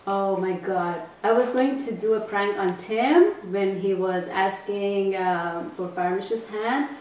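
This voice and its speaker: A woman's voice: medium pitch, slow, darkish tone. A middle-aged woman telling a family story in a chatty way, with many fillers and restarts. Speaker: interviewee, bride's mother. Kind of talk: casual storytelling. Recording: echoey room, mic far off, faint noise.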